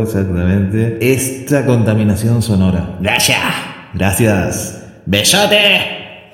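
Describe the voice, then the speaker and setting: A man hosting a podcast in loose, rambling chat. His voice sits at a middle pitch and rings through a roomy space with a long reverb tail. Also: a bit bright. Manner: chatty, sings along off-key. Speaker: podcast host. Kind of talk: casual chat. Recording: echoey room with long reverb.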